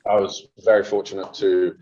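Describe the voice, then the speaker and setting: A man's voice: sits low, level tone, brisk, warm tone. A man speaking casually as a guest answering questions in an interview. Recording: slightly dull, lo-fi sound.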